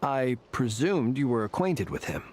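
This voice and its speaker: Man voicing a refined, courtly gentleman, mid-pitched. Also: sing-song, normal speed, crowd noise, natural voice. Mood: intrigued, formal. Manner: formal, elegant. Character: refined, formal gentleman with a courtly, probing air. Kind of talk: video game voice acting.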